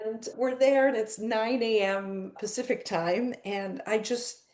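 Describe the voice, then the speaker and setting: A woman's voice: on the high side, unhurried, echoey room. A middle-aged woman, a podcast guest, eagerly telling a story in casual chat and acting out the people she quotes. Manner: excitable storytelling, acts out quoted voices.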